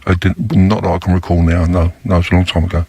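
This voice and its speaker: An older former undercover police officer whose voice is disguised and pitched down, speaking slowly and haltingly in a recorded news interview. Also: male voice, level tone, dark tone, a little hiss or hum. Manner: slow, halting, with many fillers. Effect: disguised voice, pitched down deep.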